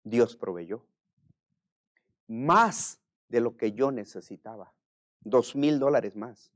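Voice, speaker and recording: A male pastor preaching a sermon, moving between hushed personal storytelling and loud, impassioned preaching. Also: medium pitch, takes it slowly, dry recording, studio quality.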